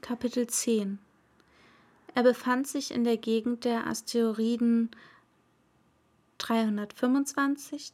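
A woman narrating a storybook aloud in a measured storytelling manner. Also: on the high side.

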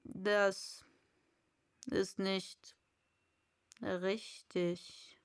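A woman reading a storybook and voicing a haughty caterpillar that drawls slowly in a low, breathy half-whisper. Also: flat delivery.

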